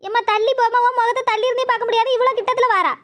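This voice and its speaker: A woman's voice: very high voice, steady tone, rapid-fire, fairly bright tone, voice pushed up. A woman voicing a cranky, easily offended old grandmother, scolding and huffy. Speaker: mother-in-law. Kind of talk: cartoon comedy voice acting.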